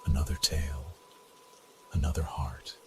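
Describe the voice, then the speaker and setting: A man voicing a guttural, gloating male demon who speaks slowly in rhyme. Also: a bass voice, little pitch movement, vocal fry, a bit bright, faint music behind, full character voice. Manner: slow, gloating rhymed speech.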